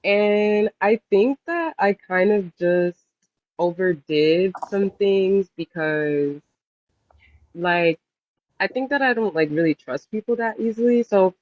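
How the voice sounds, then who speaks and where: A woman's voice: takes it slowly, no echo. A woman in her twenties calling in for advice, telling her story casually. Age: 20s. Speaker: caller seeking advice. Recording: dull low-fidelity call audio.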